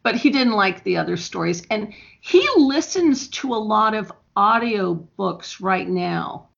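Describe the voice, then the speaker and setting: A woman's voice: medium pitch, expressive, measured pace, creaky. Chatty middle-aged woman, lo-fi sound. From Indiana, USA. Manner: chatty, laughs often. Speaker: guest author. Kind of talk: casual podcast chat. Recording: dull lo-fi audio.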